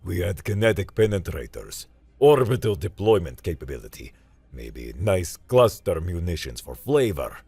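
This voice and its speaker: A gleeful male explosives expert with a thick Russian accent, as a deep-voiced narrator puts him on. He savors his words in a low, heavy voice. The recording is close and dry. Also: big pitch swings, moderate pace, gravelly, darkish tone, slightly rough, no echo, exaggerated voice.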